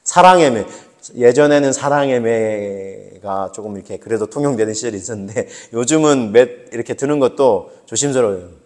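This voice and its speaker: Korean church pastor giving a sunday sermon, chatty, swings from emphatic bursts to soft asides, mid pitch. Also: male voice, normal speed. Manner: illustrates with homely family anecdotes and quoted dialogue.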